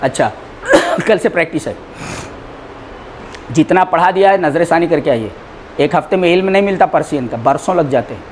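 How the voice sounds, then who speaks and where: A man teaching a class in a lecture style, repeating words slowly for students to write down. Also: a little high, animated, a little hiss or hum. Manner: slow, repeats words for dictation. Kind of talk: classroom lecture, dictating notes.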